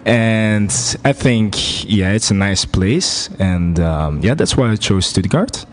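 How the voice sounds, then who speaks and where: A man's voice: lowish voice, animated, slow pace. A young man, chatting hesitantly on a student radio show in a studio. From Belgium. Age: 20s. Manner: hesitant, many fillers. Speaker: student guest. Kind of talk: casual radio chat.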